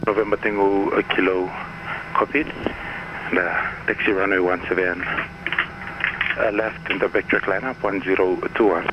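A man's low voice comes through a muffled radio link, clipped and businesslike as he hands out clearances. The loud engine noise underneath keeps it hard to hear. He pauses with small fillers between the parts of each call. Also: steady tone. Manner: terse, halting with fillers. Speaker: air traffic controller.

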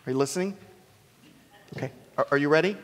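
A man's voice: a little high, fast talker, fairly bright tone, a little hiss or hum. A man giving a children's message in a church sanctuary, playful and asking the children many questions. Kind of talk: children's sermon. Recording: echoey church hall reverb.

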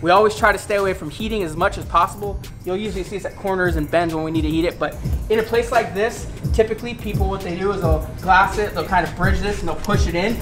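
A man's voice: high-pitched, music in the background. A man explaining vinyl wrap work step by step in a large indoor car shop, talking practically to the camera. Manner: quick, practical, instructive.

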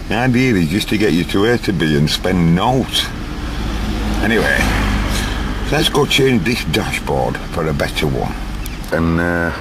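A man's voice: low-pitched, noisy background. A man chatting and laughing to the camera as he films outdoors, heard through old camcorder audio. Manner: chatty, laughs between remarks. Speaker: home video maker. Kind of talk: rambling casual chat to camera. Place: outdoors in a garden on a sunny day. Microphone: built-in camcorder mic.

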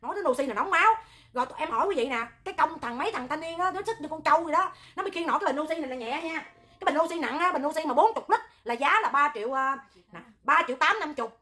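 A woman with a Southern Vietnamese accent hosting a livestream, talking loud, hot-tempered and animated, rambling with joking asides. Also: sits high, very fast. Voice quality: loud, piercing voice. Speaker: livestream host, charity oxygen volunteer. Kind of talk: livestream talk to viewers.

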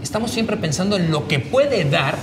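Seated at a table in a small indoor room, a man from Mexico in his forties has a casual chat at normal speed in a voice that sits high. His talk is blunt, profane, and full of slang, and he gestures a great deal. He wears a lapel mic, and the audio is roomy with constant background noise.

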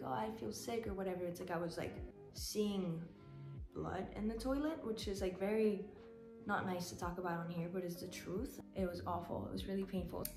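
A woman's voice: medium pitch, a little mellow. A young woman, a non-native English speaker sick with a blocked nose, chats candidly and casually in a congested, slightly shaky voice. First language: not native English speaker. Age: young adult. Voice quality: congested, stuffy-nosed. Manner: candid, informal, swearing. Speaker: vlogger. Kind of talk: casual personal vlog chat. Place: small bare bedroom, indoors, sitting on a bed. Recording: echoey room.

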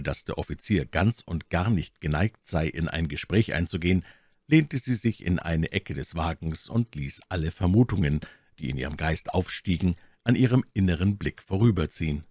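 A man reading a classic novel aloud in measured audiobook narration. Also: low voice, no room sound, studio quality. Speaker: audiobook reader.

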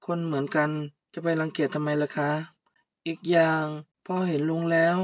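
A kind young woman who works in an office, as a woman voices her. She speaks softly, politely and patiently. The one-voice audio drama is recorded close and dry. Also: sits low, level tone, normal speed, no echo, far from the mic.

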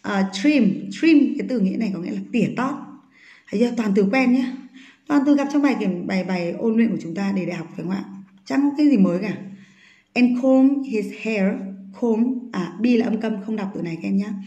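A woman teaching an English vocabulary lesson. She reads English sentences slowly, explains them quickly and often asks her students check questions. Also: mid-range voice, lively intonation, dark tone, reverberant, muffled recording.

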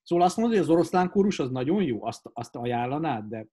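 A man's voice: a little high, sing-song, dark tone, breathy edge. Rambling man in casual pub chat. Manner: rambling anecdotes with fillers.

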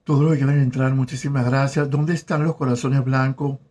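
A Venezuelan man in his 40s chats on a live stream from home in South Florida, going through viewer comments. The former telenovela actor has a husky, medium-pitched voice with flat delivery, yet his manner is warm and flirtatious as he haltingly reads names aloud.

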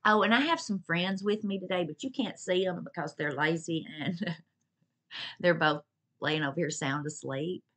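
At home with her pets nearby, a woman chats casually to the camera reviewing a shopping haul, gushing and repeating herself. Her voice is on the low side and fairly bright, at a normal speed.

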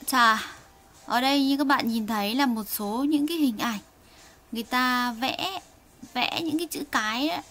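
A woman's voice: sits high, sharp tone. Woman teaching Korean, patient drill. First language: Vietnamese. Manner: slow, patient, drills sounds for students to repeat. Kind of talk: online language lesson, reading aloud for learners.

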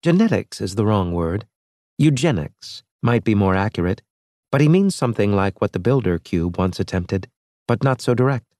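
A man doing a brisk, learned ship officer. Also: on the low side, animated, a little mellow, no room sound, clean studio sound, lightly acted. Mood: explaining. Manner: brisk, explanatory and precise. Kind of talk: audiobook character voice.

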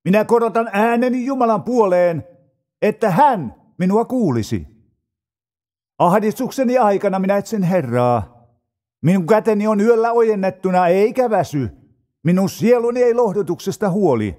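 Solemn man reading scripture, lively pitch. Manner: slow solemn reading with drawn-out phrases. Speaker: scripture reader. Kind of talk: reading psalms aloud.

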